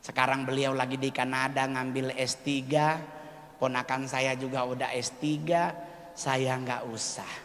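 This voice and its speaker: A man's voice: medium pitch, flat delivery, a little slow. A man doing a stand-up comedy set, calling the audience "Pak" and crying out "aduh" again and again. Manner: addresses audience as Pak, loud exclamations of "aduh". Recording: live stage recording in a reverberant hall.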